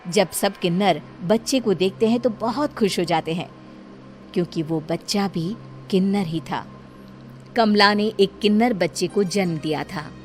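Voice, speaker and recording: A woman tells a horror story in a scripted, dramatic style, with her voice sitting in a middle pitch. Light background music plays beneath the narration. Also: a little slow, a little mellow.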